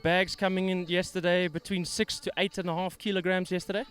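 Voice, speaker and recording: A man's voice: high-pitched, flat delivery, a little fast, fairly bright tone, smooth. A man hosting a live fishing-tournament broadcast, chatty and upbeat while out of breath. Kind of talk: live interview. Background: faint music.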